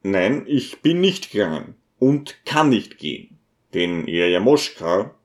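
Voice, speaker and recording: A man's voice: on the low side, very animated, slow. A man reading an audiobook voices a stubborn, indignant male schoolteacher, close to his own voice. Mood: flustered. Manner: indignant, insistent.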